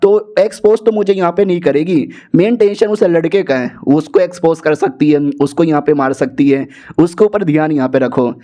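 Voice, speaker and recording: A man's voice: a little high, normal speed, mellow. A man narrating a comic story recap in a jokey, chatty way. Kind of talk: casual comedic story recap.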